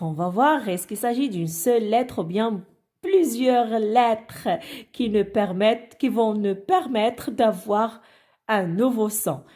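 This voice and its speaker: A woman teacher leads young children through a reading lesson at a slow, patient pace. She asks each question, supplies the answer herself, and praises it warmly. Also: a little high.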